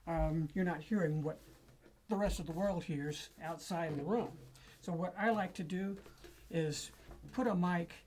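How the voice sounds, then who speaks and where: A woman demonstrating a cajon she builds, explaining it in an unhurried, casual way with pauses and fillers. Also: fairly low pitch, darkish tone, slight background noise. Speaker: cajon maker demonstrating an instrument. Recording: cajon drumming between and under the speech.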